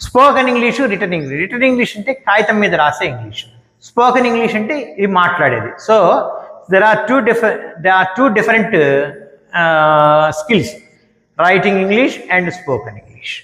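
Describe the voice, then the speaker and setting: A man teaching English word stress, explaining slowly and repeating each example word. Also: sits high, sing-song, bright, forceful tone. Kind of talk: spoken grammar lesson. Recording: echoey room with long reverb.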